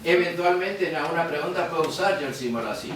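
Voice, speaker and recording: A man's voice: on the high side, animated, a bit bright, slight background noise. Man teaching, echoey far room. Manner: explanatory, quizzes students, repeats words slowly. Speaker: guaraní teacher. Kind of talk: classroom lecture. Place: museum classroom.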